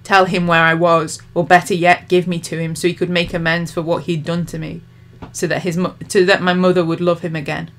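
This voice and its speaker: A woman's voice: fairly low pitch, little pitch movement, brisk, few pauses, lightly acted. A woman reading a determined, defiant young woman confronting a demon. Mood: firm. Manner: firm and defiant.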